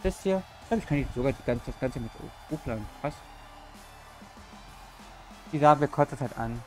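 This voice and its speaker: A woman doing excitable gameplay commentary as a YouTuber, cheering on her wrestler and swearing bluntly. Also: very deep voice, moderate pace, faint music behind, rough recording. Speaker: gaming YouTuber.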